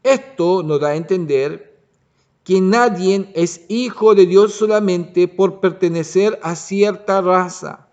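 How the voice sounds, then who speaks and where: A man teaching a Bible lesson as pastor, often pausing to check the congregation understands. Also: sits high, a little mellow, lo-fi sound. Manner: restarts and asks "¿ya?" to check understanding. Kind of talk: Bible study sermon.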